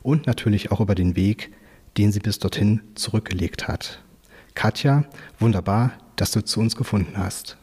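A man hosting a literary radio interview in a glass studio, formal and measured, with frequent fillers. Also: on the low side, a little mellow, slightly rough. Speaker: host.

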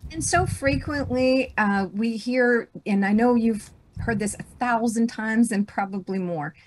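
A middle-aged woman, a business leader, telling a personal story as a guest on a podcast, animated and restarting her phrases. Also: on the high side, measured pace. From grew up on a farm.

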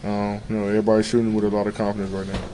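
A young man in his twenties, a basketball player giving a low-key postgame interview in a locker room, filler-heavy and matter-of-fact. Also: racing, background noise. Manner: low-key, flat, many "you know" fillers. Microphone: handheld reporter mics close to face.

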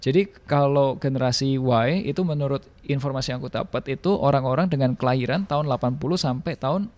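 Speaking fast in a medium-pitched, slightly mellow voice, this Indonesian-accented man in his thirties is a podcast guest who runs a financial planning business. He explains things emphatically in the casual interview, leaning on rhetorical questions, and is recorded close on a stand-mounted podcast microphone in a small office with bookshelves.

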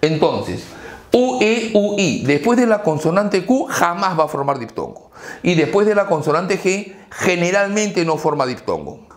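Slow, lively male teacher in an echoey room. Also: high-pitched. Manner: drills examples slowly, asks and answers his own questions. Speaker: language teacher. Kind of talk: exam-prep lecture.

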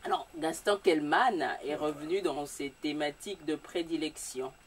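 Lively woman host, distant mic. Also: deep voice, moderate pace. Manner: lively questioning, laughs easily. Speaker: columnist host. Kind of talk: talk-show interview. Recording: distant mic with faint room noise.

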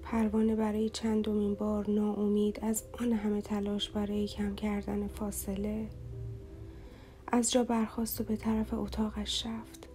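A woman reading a romance novel aloud as an audiobook narrator in a slow, somber, even way. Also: mid-range voice.

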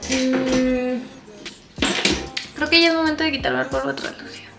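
A woman's voice: high voice, steady tone, measured pace, creaky, reverberant, over loud music. A young woman in her twenties with a Mexican accent, chatting and rambling with self-deprecating asides while doing her makeup in a small bedroom. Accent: Mexican Spanish. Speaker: vlogger. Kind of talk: casual makeup vlog chat.

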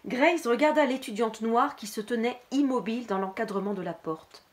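A woman reading a novel aloud in a calm, steady narrating voice. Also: on the high side, normal speed. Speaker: reader.

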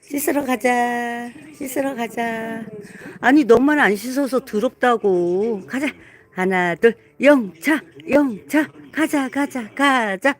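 A woman with a voice on the high side takes her time coaxing her pet dog into getting washed during a casual live stream. She repeats herself constantly in a sing-song manner, laughing often, and the recording is rough.

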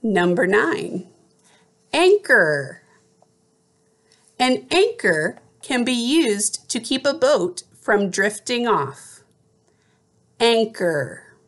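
A middle-aged woman teacher giving a slow school spelling dictation, enunciating deliberately word by word. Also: on the high side, sing-song. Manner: deliberate enunciation, word repeated after an example sentence. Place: small room at home, indoors.

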